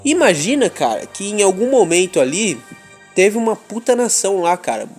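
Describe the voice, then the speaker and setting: A man's voice: sits high, very animated, normal speed, soft background music. A young man with a Brazilian Portuguese accent, hosting a podcast in a crude, slangy, rambling monologue with frequent laughs. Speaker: podcast host. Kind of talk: casual chat monologue.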